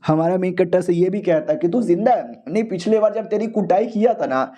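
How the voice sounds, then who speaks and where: A man's voice: high voice, dark tone. A young man casually retelling a manga story in slangy speech, acting out the characters' lines as he goes. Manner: acts out all characters' lines in quick slangy dialogue. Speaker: manga recap narrator.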